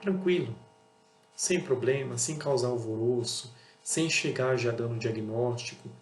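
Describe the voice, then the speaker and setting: A man's voice: medium pitch, unhurried. Brazilian guy ranting bluntly about customers, repeats himself a lot, echoey room w/ a faint hum. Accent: Brazilian Portuguese. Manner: blunt, repetitive, acts out dialogues with customers. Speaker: auto parts seller and channel host. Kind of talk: casual monologue to camera.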